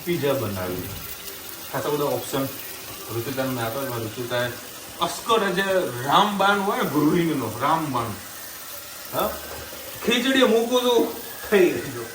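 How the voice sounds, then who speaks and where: A man's voice: medium pitch, expressive, normal speed. A man chatting casually in a family vlog from his home kitchen, in a reassuring way. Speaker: vlogger. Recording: echoey room, noisy background.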